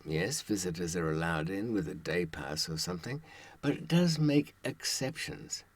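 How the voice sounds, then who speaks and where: An older, low-voiced man, a true-crime advice presenter and author, addresses his audience directly as an adviser. Animated and at a moderate pace, he's conversational and wry, with sardonic rhetorical asides. The sound is close and dry, with no room sound.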